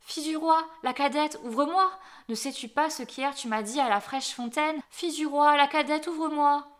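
A woman voicing an insistent talking frog in a fairy tale, calling out in a high, loud voice. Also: normal speed. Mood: pleading.

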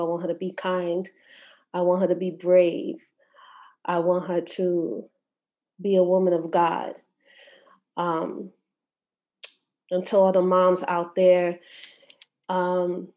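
A mother speaking as a podcast guest, giving soft-spoken, faith-filled encouragement. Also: fairly low pitch, lo-fi sound. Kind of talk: heartfelt podcast message.

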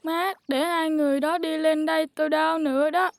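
Give me a spoiled little boy, whining and tearful in a very high, squeaky voice from a storybook reading. Dry, close sound with no room around it. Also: little pitch movement, brisk, creaky, no room sound. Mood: crying. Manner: crying, pleading.

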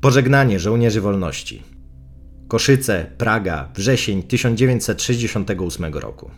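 A man reading a first-person memoir aloud as an audiobook, with expressive, wry storytelling. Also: lowish voice, normal speed, soft background music. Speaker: audiobook narrator.

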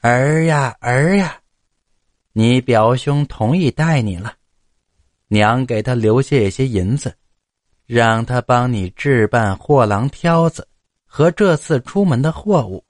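A man voicing a doting, worried widowed mother near seventy who talks slowly and coaxingly in a told story. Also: medium pitch, animated, no echo, clean studio sound. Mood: eager. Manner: slow, pleading, coaxing.

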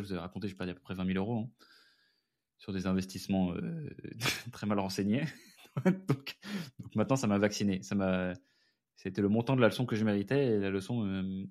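A man's voice: fairly low pitch, darkish tone. A French man hosting a casual solo podcast, talking candidly and chatting straight to his listeners as friends. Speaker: podcast host and founder.

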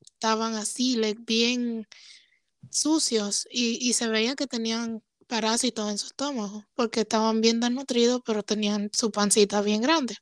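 A young woman speaks openly and with feeling as a podcast guest. Her voice sits fairly high and the sound is close and dry. She mixes in English phrases now and then. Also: steady tone, moderate pace, dry recording. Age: young adult. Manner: emotional, candid, switches into English phrases. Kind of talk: casual conversation.

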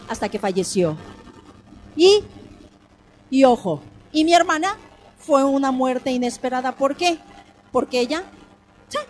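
Animated high-voiced Mexican woman. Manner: animated, repeats phrases for emphasis, asks listeners questions. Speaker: radio host and thanatology speaker. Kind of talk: radio talk on grief.

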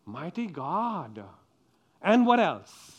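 A man's voice: high-pitched, sing-song, extremely slow, lo-fi sound. A man giving a playful children's sermon as pastor, coaxing the kids and the congregation with questions.

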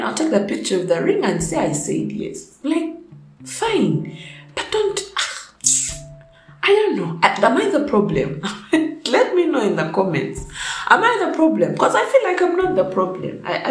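A woman's voice: medium pitch, roomy sound, rough recording. A young woman who is sick and whose voice is off rants bluntly and profanely in a casual opinion vlog. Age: young adult. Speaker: vlogger.

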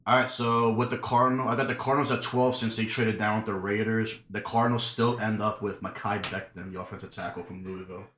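A man hosting a casual podcast, running through his draft picks in a relaxed way. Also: on the low side, fast talker, hardly any pauses. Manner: relaxed, chews food while talking. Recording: roomy sound, faint noise.

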